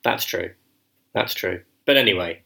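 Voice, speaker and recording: A man co-hosting a podcast, talking in casual, animated chat and swearing freely. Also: low voice, moderate pace, creaky. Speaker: podcast co-host.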